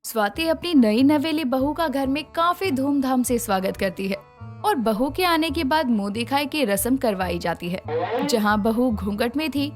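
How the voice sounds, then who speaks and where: A woman narrating a cartoon moral story in an expressive storytelling manner. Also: sits high, moderate pace, soft background music.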